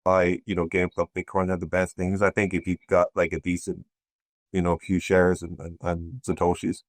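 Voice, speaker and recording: Low-voiced man, meandering talk. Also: monotone, normal speed, no room sound. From Ireland. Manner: meandering, hesitant, many restarts. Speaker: podcast guest. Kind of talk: casual conversation.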